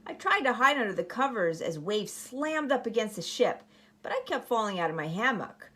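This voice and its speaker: A woman with a highish, husky, slightly bright voice reads a storybook and demonstrates a craft at a normal pace, sounding very animated. Like a teacher at story time, she narrates and explains step by step in a casual how-to style.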